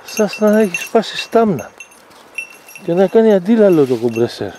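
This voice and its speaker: A man's voice: sits high, big pitch swings. Man coaxing a dog outdoors. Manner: calls and coaxes the dog with short repeated encouragements. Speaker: hunting dog trainer. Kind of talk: live running commentary while training a dog. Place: outdoor field. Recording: noisy outdoor recording.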